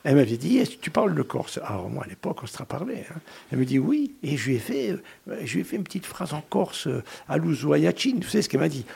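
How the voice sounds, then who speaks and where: A man hosting a chatty radio show, telling stories in a lively way with many hesitations. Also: on the high side, quick pace, vocal fry, few pauses, husky. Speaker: radio host.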